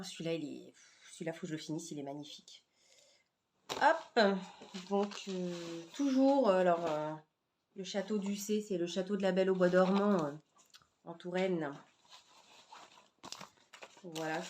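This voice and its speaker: A woman hosting an embroidery vlog, chatting casually with many fillers and often sinking to a soft murmur. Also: medium pitch, slight background noise. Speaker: Flosstube host showing embroidery projects. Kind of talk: casual chat.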